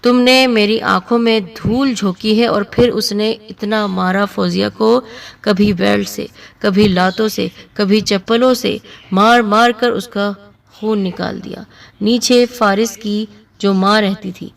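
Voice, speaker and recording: A woman storyteller narrating an emotional story in a steady, dramatic manner. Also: medium pitch, gravelly, recorded from a distance.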